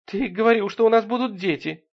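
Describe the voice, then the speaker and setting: A man's voice: fairly quick, dull audio. A man putting on a weepy pleading young woman. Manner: whimpering, high and tearful.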